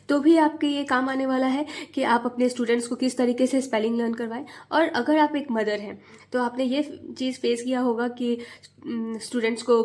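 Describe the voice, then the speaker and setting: Hosting a teaching channel for parents, a mother and tutor speaks in a slightly high voice with a darkish tone. She patiently explains every step, spelling out words one letter at a time in a slow, sing-song cadence.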